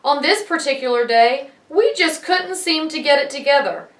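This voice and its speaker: Woman narrator, high voice, wry and light, recorded roomy and off-mic. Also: expressive, normal speed, fairly bright tone. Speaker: video narrator. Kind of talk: scripted voice-over narration. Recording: echoey and distant.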